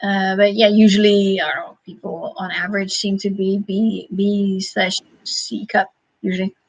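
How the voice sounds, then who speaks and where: A woman hosting a casual livestream, answering chat questions in a halting, thinking-aloud way with frequent chuckles. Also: medium pitch, level tone, breathy edge, poor audio.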